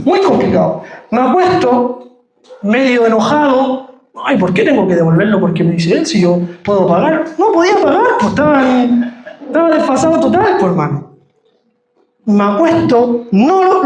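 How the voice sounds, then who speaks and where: A man's voice: very high voice, a little mellow. A man giving a sermon testimony, telling a story and calling the listeners brother. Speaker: preacher. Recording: roomy echo.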